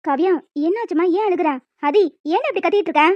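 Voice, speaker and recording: A woman's voice: very high-pitched, fast, no echo. A woman voicing a concerned middle-aged mother-in-law in a cartoon who asks worried questions, in a dry, dull lo-fi recording. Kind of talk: amateur cartoon voice acting.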